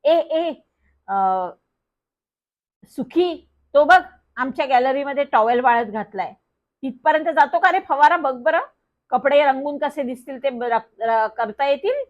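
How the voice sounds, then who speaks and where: A woman's voice: sits high, unhurried. A woman doing an eager bossy little girl. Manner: eager, urging. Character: lively bossy young girl playmate. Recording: dull lo-fi recording.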